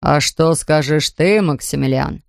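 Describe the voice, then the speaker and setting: A woman voicing a gruff, skeptical farmer father who speaks slowly in a storybook reading. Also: low-pitched, no echo, clean studio sound, pitched below the performer's own voice. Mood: doubtful. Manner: slow, doubtful.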